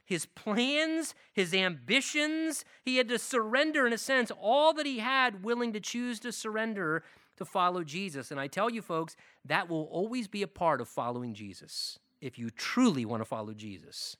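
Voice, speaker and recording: A male pastor preaching with a bright, forceful tone and a voice that swings widely up and down. He stacks up short phrases one after another and hammers each point home. The sound is close and dry, with no room echo. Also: high-pitched, moderate pace. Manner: emphatic, animated preaching with listed phrases. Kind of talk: sermon.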